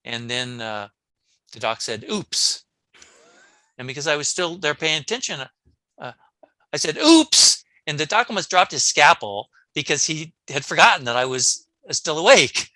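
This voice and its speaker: A man, a brain coach on a podcast, talking casually in an interview, telling animated stories with frequent restarts. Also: on the high side, normal speed, no echo. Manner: animated storyteller, many restarts.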